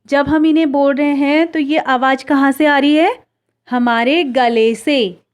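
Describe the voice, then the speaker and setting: Slow, patient woman teacher. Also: sits high, fairly even intonation. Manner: slow, patient, has pupils repeat sounds after her. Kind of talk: classroom lesson on pronunciation.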